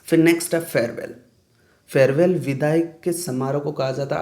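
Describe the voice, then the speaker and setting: A young man teaches English vocabulary, word by word. His voice sits at a middle pitch, and he often stops to check with a short "clear?" before moving on. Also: dark tone. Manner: explains each word, then asks "clear?". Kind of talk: vocabulary lesson.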